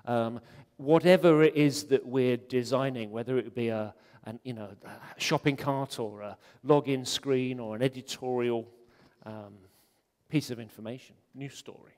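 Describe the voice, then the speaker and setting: This web design talk at a conference comes from a man who is chatty, jokes around and says um often. He speaks at a moderate pace in a mid-range, darkish voice with fairly even intonation. Long reverb from the conference hall colors the recording.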